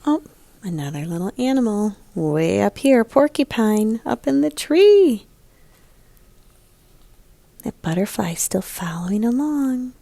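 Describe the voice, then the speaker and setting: With a mid-range, very animated voice that is breathy, mellow and soft-edged, a woman plays an elementary art teacher leading young children through a picture book. She takes it slowly, pauses often, and asks questions to get them looking closely, her phrases often ending in a creak. There is no room sound.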